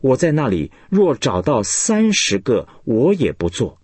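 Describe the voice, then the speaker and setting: A man reading scripture aloud, voicing God as solemn and measured. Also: mid-range voice, wildly swooping pitch, a little mellow, breathy edge, no echo, voice pushed up, exaggerated voice.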